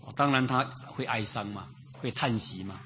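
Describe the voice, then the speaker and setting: A man delivers an expository Bible sermon in a conversational style, repeating phrases, posing rhetorical questions and stretching out interjections to fill pauses. His voice sits on the low side with a bright, forceful tone, and there is slight background noise.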